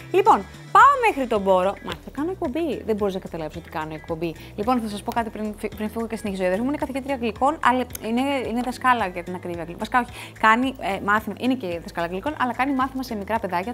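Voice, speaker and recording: A woman's voice: fairly high pitch, a bit bright. Chatty, rambling woman TV host. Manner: rambling, chatty, with many asides and restarts. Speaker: TV show host. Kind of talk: casual studio chat to camera. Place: TV studio.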